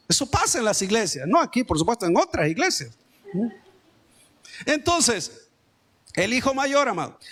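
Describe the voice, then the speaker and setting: A man preaches a sermon with a Salvadoran accent, his voice pitched very high for a man. He keeps turning to the congregation with rhetorical questions. He calls them "amados" in an emphatic pulpit manner. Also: a bit bright. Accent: Salvadoran Spanish. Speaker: pastor. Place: church.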